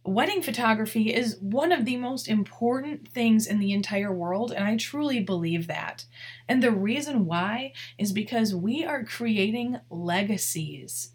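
A woman's voice: medium pitch, lively intonation, measured pace, breathy edge. A young adult woman hosting her own podcast as a wedding photographer, talking straight to her listeners in a heartfelt, earnest way. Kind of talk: solo podcast monologue.

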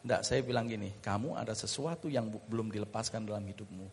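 A man's voice: fairly low pitch, quick pace, in a large hall, slight background noise. A pastor telling his story to a church congregation in an earnest way, with restarts. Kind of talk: sermon testimony.

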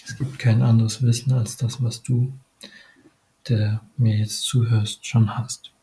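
A man giving a meditative spiritual monologue, addressing the listener directly in short, halting phrases with frequent hesitations. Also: mid-range voice, level tone, warm tone, poor audio.

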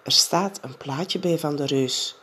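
A woman reads a children's story aloud, slowly and calmly. Her voice is soft and breathy, and its pitch moves up and down a lot as she tells it. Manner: calm, expressive storytelling.

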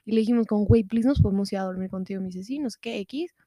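A young woman with a Mexican Spanish accent telling a scary story to a friend on a podcast, slangy and animated, acting out what everyone said. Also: mid-range voice, racing, no room sound, clean studio sound. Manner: animated, slangy, acts out quotes. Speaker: podcast co-host. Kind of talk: casual storytelling chat.

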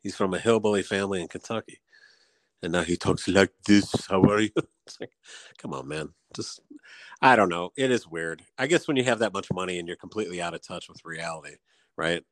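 A man's voice: sits low, expressive, brisk, fairly bright tone, no room sound. A man in casual chat, telling stories and laughing often. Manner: chatty storyteller, laughs often.

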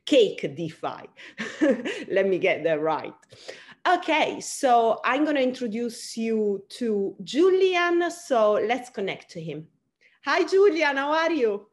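A woman hosting an interview show, upbeat and animated as she introduces and questions her guest. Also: fairly high pitch, slow pace. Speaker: host.

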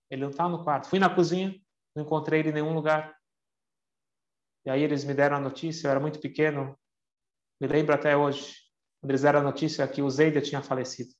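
A man's voice: on the high side, little pitch movement, fairly quick, pauses often, natural voice. A man voicing a tearful young man who earnestly retells memories of his grandfather in the first person. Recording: echoey room, dull lo-fi sound.

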